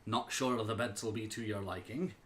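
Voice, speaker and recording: A man voicing a gruff, unamused male dwarf bartender in a put-on Celtic-tinged accent, in a tabletop game. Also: lowish voice, fairly even intonation, moderate pace, a bit bright, a little hiss or hum, lightly acted. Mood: dry gruff. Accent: put-on generic Celtic-tinged dwarf accent.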